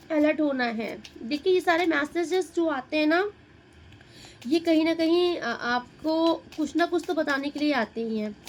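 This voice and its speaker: Tarot reader, woman, high voice, muses over each card out loud. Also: a little hiss or hum, rough recording. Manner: Hindi-English mix, addresses viewer directly, muses over cards. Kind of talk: tarot reading.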